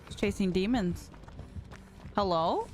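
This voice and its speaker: Unhurried woman streamer in her late twenties. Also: medium pitch, lively intonation, a little mellow, slight background noise. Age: late 20s. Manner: chatty, reads out and answers chat, laughs easily. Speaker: game streamer. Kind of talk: casual live-stream chat while gaming. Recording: music playing under the voice. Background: background music.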